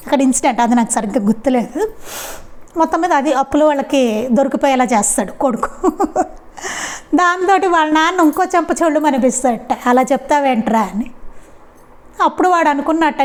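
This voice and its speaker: High-voiced woman giving a satsang talk. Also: a little mellow. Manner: conversational storytelling, with frequent rhetorical questions. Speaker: spiritual speaker.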